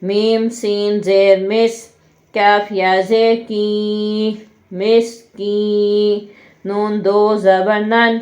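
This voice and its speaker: A woman teaching Quran reading. She spells out each letter and vowel mark slowly, then blends them into the whole word. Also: mid-range voice, flat delivery, darkish tone. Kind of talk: slow syllable-by-syllable drill with spoken explanations. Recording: muffled, echoey room.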